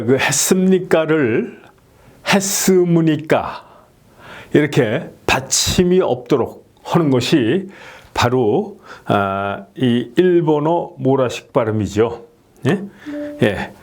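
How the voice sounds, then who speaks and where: A middle-aged man explaining English pronunciation in a lesson, often checking in with a quick rhetorical "yes?". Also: medium pitch. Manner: animated, frequent rhetorical "예?" checks.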